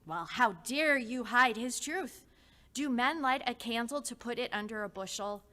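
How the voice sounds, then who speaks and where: A woman voicing an earnest, devout older man who pleads slowly and insistently, like a preacher, in a dramatized history story. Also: fairly high pitch, expressive, pushed and bright, voice pushed up. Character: fervent devout older male host, insistent. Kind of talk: storytelling reenactment.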